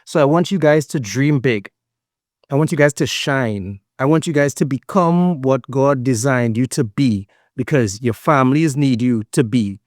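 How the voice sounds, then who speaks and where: A man's voice: fairly high pitch, no room sound, studio quality. Earnest man giving upbeat greetings. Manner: upbeat, earnest, repeats phrases for emphasis. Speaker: foundation director giving greetings. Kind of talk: motivational address to girls, online event.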